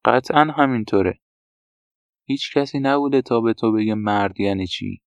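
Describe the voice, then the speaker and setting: A man's voice: medium pitch, gravelly, clean tone, no echo, natural voice. A man voicing a frank male doctor who gives direct, matter-of-fact advice. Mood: advising. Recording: dull, dry lo-fi recording.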